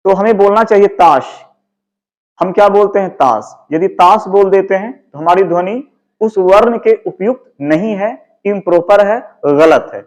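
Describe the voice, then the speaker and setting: Man, teacher, Bihari Hindi accent, high-pitched, explanatory, self-questioning. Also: normal speed, darkish tone. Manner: explanatory, asks and answers his own questions. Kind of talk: exam-prep lesson explaining answers.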